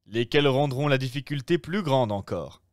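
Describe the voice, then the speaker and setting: A man reading aloud and voicing a calm, shrewd young gentleman who talks in a measured, persuasive way. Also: mid-range voice, no echo, studio quality, voice pushed up, lightly acted.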